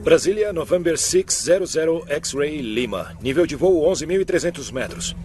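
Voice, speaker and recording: A man's voice: on the high side, lively intonation, moderate pace, music in the background. An actor playing a male business jet pilot, heard as a cockpit radio call, speaking in clipped, formal radio phrasing. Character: male business jet pilot calling air traffic control. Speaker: dubbed actor in a reenactment. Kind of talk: dubbed documentary reenactment.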